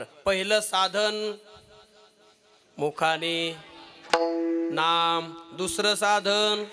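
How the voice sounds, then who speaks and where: A man's voice: high-pitched, bright, forceful tone. A man with a Marathi accent preaching a devotional kirtan, asking the audience questions, singing verses and laughing often.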